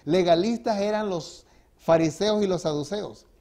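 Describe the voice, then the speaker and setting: A pastor preaches in a fairly high voice to his congregation. He swings between emphatic, rising phrases and quieter drops, and he keeps asking the room rhetorical questions. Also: a little slow. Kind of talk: sermon. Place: church sanctuary.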